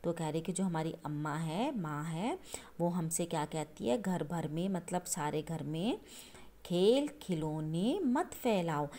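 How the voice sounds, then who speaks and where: A woman's voice: sits low, a little slow, warm tone. A woman teacher explaining a poem to young children, repeating each point patiently and often stopping to check that they follow. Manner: patient, repetitive explaining with frequent checking asides; addresses listeners as children. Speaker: schoolteacher.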